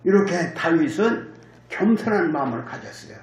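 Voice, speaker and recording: A man's voice: a little high, very animated, moderate pace. A male pastor preaching a sermon, telling the story vividly, acting out quotes and calling on the congregation to answer. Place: church sanctuary. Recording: echoey church hall.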